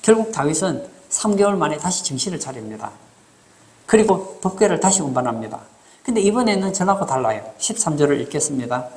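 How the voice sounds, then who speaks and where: A man delivers a sermon from the pulpit in an animated, lively voice that rises and falls widely. He leans on rhetorical questions and acts out short quoted lines for the congregation. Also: fairly high pitch, a little fast. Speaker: pastor.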